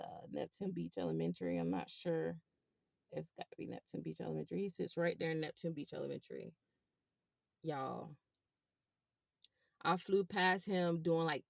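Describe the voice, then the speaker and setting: A woman telling a rideshare story to her viewers in a casual, animated way. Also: deep voice, creaky, no echo, clean studio sound. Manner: animated, chatty, addresses viewers as y'all. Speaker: rideshare driver vlogger.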